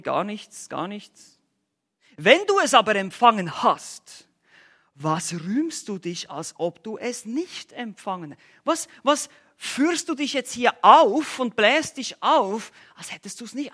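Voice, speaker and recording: A high-voiced man delivers an expository sermon, emphatic and packed with rhetorical questions and sarcastic asides. He swings between loud outbursts and quiet lines.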